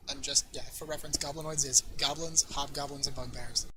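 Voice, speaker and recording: A man's voice: fairly high pitch, fairly even intonation, a little fast, pushed and bright, slight background noise, poor audio. A man running a tabletop game as dungeon master, casually explaining rules and loot at length.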